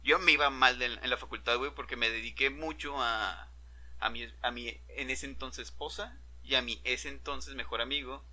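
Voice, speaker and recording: A man's voice: medium pitch, pushed and bright. A young man with a Mexican accent telling a personal story in a casual, profane chat, dropping slang fillers constantly. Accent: Mexican Spanish. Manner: profane, slangy, tags nearly every phrase with a filler.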